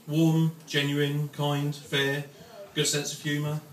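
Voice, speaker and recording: A man's voice: on the high side, completely flat delivery, slow. A young British man giving a wedding toast speech as best man, with dry, joking delivery to the guests. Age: young adult. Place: large room with wedding guests. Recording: echoey, noisy room, distant microphone.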